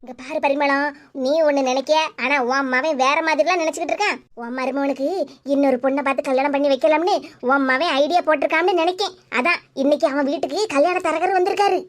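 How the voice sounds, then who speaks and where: This is a woman acting out a gossiping old granny in a cartoon. She has a southern Tamil accent and a very high, hurried voice. She is urgent and insistent. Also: steady tone, close to an everyday voice. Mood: confiding.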